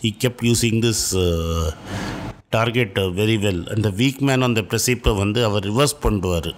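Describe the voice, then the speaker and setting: A man's voice: on the low side, rapid-fire. A man with a South Indian accent and Tamil as first language, chatting casually and with strong opinions, mixing English and Tamil. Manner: switches between English and Tamil. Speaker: podcast host. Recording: background noise.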